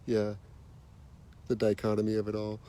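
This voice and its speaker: A man hosting a casual livestream outdoors at night, chatty and quick to laugh, with a slightly stuffy nose, talking into a phone. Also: on the low side. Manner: relaxed, chatty, laughs easily. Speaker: livestream host. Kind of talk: casual live chat while stargazing.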